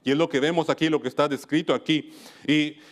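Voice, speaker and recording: Male preacher from Wisconsin, somewhat high voice, earnest sermon delivery with many self-corrections. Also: fairly even intonation, brisk. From United States (Wisconsin). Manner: earnest, often restarts and corrects himself mid-phrase. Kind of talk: church sermon.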